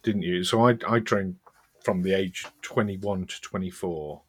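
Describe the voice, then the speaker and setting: A middle-aged man with a soft Yorkshire accent, co-hosting a podcast in casual chat. He is chatty and self-mocking, laughs often and restarts his sentences. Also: low voice, a little slow, husky. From Yorkshire, England. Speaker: podcast co-host.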